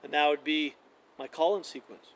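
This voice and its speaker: Male, casual hunting instructor, slightly raised pitch, loose conversational delivery, light background hum. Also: moderate pace, poor audio. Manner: relaxed, conversational, with frequent "like" and restarts. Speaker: hunting call demonstrator. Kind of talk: casual how-to demonstration.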